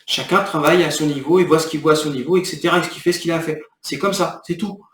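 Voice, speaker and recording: Talking fast with fairly even intonation, a man whose voice is on the high side rambles irritably to the camera about his next video and vents. The agitated vlog is recorded off mic from a distance in an echoey room.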